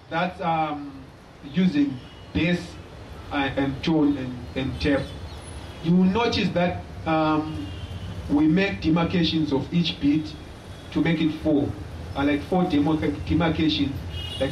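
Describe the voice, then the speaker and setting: A Zimbabwean drummer gives a halting, unhurried lecture-demonstration on a small indoor stage, speaking slowly with frequent pauses in a friendly, plain manner. His voice sits on the high side with a steady, darkish tone. A stand mic picked him up but the audio comes from a distant camera, so he sounds far off in the echoey hall with audible noise.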